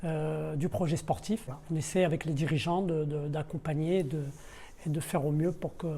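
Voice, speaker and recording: With a fairly high but dark-toned voice, a middle-aged man speaks at normal speed and fairly even intonation. A non-native French speaker, he is the deputy sporting director of a football club, spontaneously explaining his work on a podcast while groping for words and repeating them.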